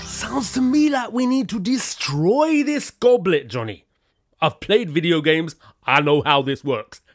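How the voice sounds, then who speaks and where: A bumbling young boy superhero, dramatic and full of himself. The delivery is slow and swoops widely, with faint music behind, in a children's audio drama. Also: medium pitch, animated. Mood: boastful. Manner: dramatic, exclaiming, self-important.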